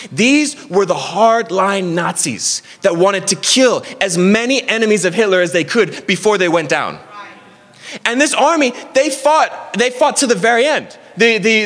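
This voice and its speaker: High-voiced preacher in an echoing hall. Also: male voice. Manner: energetic preaching with storytelling and stumbling restarts. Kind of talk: sermon. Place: church hall.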